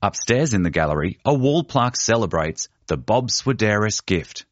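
A man giving a measured, deliberate scripted narration of a feature article. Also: on the low side, very animated, dry recording. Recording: dull, muffled studio read.

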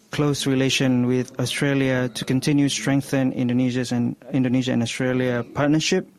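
A man interpreting a speech aloud as a translation voice-over, in a slow, halting way with restarts. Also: mid-range voice, a little mellow.

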